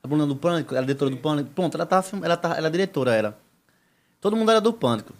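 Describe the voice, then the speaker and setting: Dude telling a story fast and high, all worked up. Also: male voice. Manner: excited, animated retelling with slang. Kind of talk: casual chat, storytelling.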